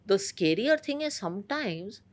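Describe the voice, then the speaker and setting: A woman's voice: mid-range voice, sing-song, measured pace. A woman with a polished, educated Indian accent, speaking articulately in a conversational interview. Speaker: interview guest.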